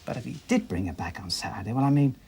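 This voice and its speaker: An actor playing a chatty, rambling car hire owner in a 1990s British police drama. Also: male voice, mid-range voice, lively intonation, fast talker, gravelly, a little mellow, breathy edge, exaggerated voice. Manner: rambling, easygoing.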